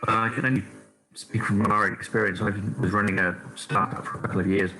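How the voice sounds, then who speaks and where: A man's voice: lowish voice, steady tone, brisk, sharp tone, a little hiss or hum, low-quality recording. A man on an online panel speaking from his own experience, his audio breaking up with dropouts over a choppy video call. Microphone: headset on a video call.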